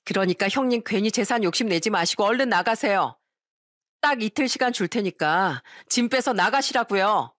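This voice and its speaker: A woman plays a rude, greedy young sister-in-law in a dramatized audio story. She talks with mocking, sly contempt at a middle pitch. The recording is dry and close. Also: animated, moderate pace, a bit bright, no echo, natural voice. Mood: snide. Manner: mocking, snide.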